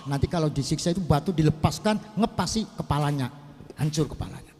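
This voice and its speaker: A man's voice: a little high, expressive, a little fast, a little mellow, long reverb tail, slight background noise. A middle-aged man preaching a humorous sermon at a religious gathering, telling a story and joking with the audience. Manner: joking, addresses the audience as Pak and Bu. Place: religious gathering in a housing estate.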